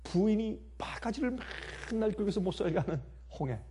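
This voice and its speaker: A male pastor delivers a sermon in a high, husky voice whose pitch leaps and dips dramatically. He drives his points with repeated rhetorical questions, swelling loud and then dropping to near murmurs. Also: lively intonation, brisk. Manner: emphatic, constant rhetorical questions.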